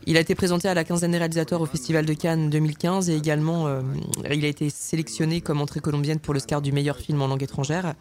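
Man, radio film columnist, fairly high voice, monotone, hesitant, many fillers. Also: quick pace, hardly any pauses. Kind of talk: radio segment presenting film trailers.

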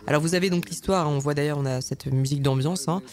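A man's voice: on the high side, quick pace. A man presenting film trailers on a radio show, speaking in a hesitant way with frequent filler sounds and restarts.

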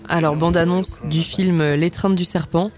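Man, radio film columnist, fairly high voice, monotone, hesitant, many fillers. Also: normal speed, faint music behind. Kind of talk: radio segment presenting film trailers.

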